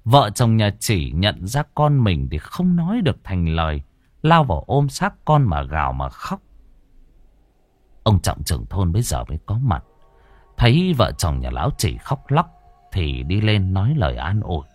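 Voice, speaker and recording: A male storyteller narrates a ghost story in a low voice with lively, swinging pitch. His dramatic delivery is close-miked and dry. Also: moderate pace, no room sound.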